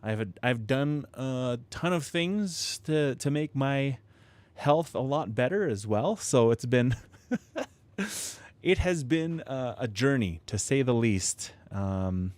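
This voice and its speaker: Hosting a home live stream about building model kits, this man chats slowly to viewers, rambling with lots of fillers and restarts and chuckling often. He sits close to a studio microphone with proximity effect, and his medium-pitched, a little mellow voice has lively intonation and no echo.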